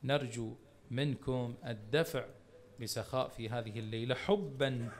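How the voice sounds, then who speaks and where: A man's voice: medium pitch, normal speed, a little hiss or hum. A man with a Bahraini Arabic accent giving a Muharram sermon lecture, emphatic and full of rhetorical questions aimed at the congregation. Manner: addresses the congregation directly. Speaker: religious lecturer.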